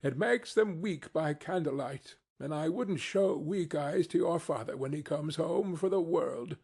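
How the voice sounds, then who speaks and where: A man voicing a gentle, grieving mother in a storybook reading, bravely steady but faltering and repeating herself. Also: a little high, measured pace, creaky, husky, voice pushed up, heavily acted. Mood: tender, weary.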